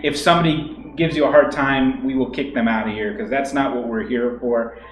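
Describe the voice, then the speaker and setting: This man is another co-host of an English-teaching livestream, talking casually and rambling, full of fillers and restarts. His mid-range voice keeps fairly even intonation and moves a little fast. Faint music and a roomy echo sit in the recording.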